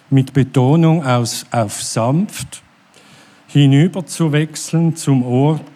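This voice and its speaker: Man, middle-aged, sermon, very slow, contemplative, mellow voice. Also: medium pitch. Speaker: church speaker.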